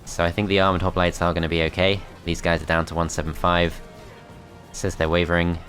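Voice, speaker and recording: A man's voice: low-pitched, level tone, fairly quick, fairly bright tone, faint music behind. A man commentating his strategy game as he plays, thinking aloud in a tentative, self-critical way. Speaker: gameplay commentator.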